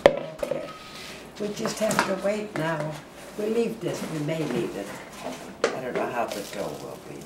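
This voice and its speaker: A woman's voice: low-pitched, very animated, measured pace, long pauses, heavy background noise. An older woman, a grandmother, chatting casually as she bakes cookies in a home kitchen. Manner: chatty, homey, talks while working. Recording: echoey kitchen, far from the mic, loud clatter.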